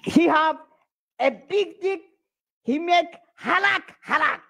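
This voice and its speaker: A man's voice: very high voice, slow pace, creaky, a bit bright. A man with an Eritrean accent speaking broken English, playfully flirting and boasting as a comedian on a video chat. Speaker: comedian prank-chatting.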